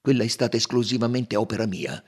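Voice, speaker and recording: A man's voice: medium pitch, fast, husky. A man voicing a hot-tempered aristocratic count who speaks with indignant passion. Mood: impassioned. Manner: indignant, impassioned.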